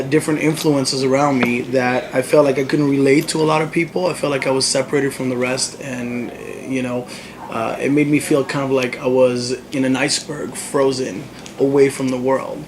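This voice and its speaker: A man's voice: medium pitch, normal speed. A young male musician from the Congo, chatting casually in an interview and telling stories with lots of fillers. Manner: animated storytelling, frequent fillers. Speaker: musician guest. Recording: noisy crowd behind. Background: crowd chatter.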